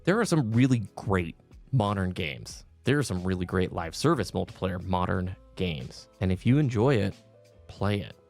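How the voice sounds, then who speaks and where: A man's voice: sits low, lively intonation, normal speed, vocal fry, darkish tone. A man giving earnest, reflective opinion commentary to viewers, speaking with emphasis. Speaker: video game commentator. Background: background music.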